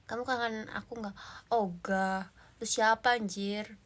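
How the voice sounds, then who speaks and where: A woman's voice: mid-range voice, steady tone, a little slow. A woman livestreamer chatting casually with viewers in a blunt, slangy, bantering manner.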